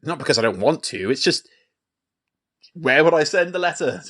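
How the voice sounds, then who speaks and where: In a naturalistic audio drama, a male actor plays an earnest, sentimental young adult, a grown man who still believes in Santa, speaking sincerely like a lonely true believer. His slightly high, somewhat bright voice has lively intonation and a moderate pace, with an earnest, nostalgic mood.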